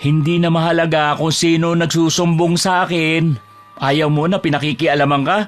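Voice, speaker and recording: An actor playing a tired fish-vendor husband, respectful with customers and exasperated at home. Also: male voice, a little high, flat delivery, normal speed, soft background music, close to an everyday voice. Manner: respectful with elders, exasperated with wife.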